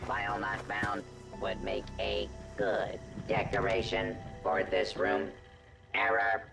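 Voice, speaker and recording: A glitching robot with a gravelly, flat voice. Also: male voice, on the low side, full character voice. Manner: flat, slow, glitching error announcements. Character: malfunctioning festival robot, male, glitching. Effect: robotic voice filter. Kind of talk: video game dialogue. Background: festive game music.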